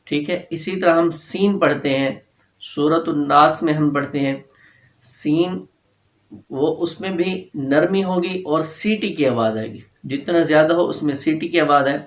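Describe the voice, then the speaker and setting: Man teaching Quran recitation, echoey. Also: a little high. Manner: patient, repeats each letter slowly to teach it; chants Quranic verses in drawn-out recitation. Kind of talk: tajweed lesson.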